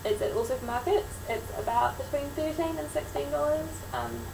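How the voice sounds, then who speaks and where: High-pitched New Zealand woman, creaky, roomy recording. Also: moderate pace. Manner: frank, informal, explanatory. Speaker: vlogger. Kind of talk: casual how-to vlog talk. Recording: roomy, distant mic, clearly noisy.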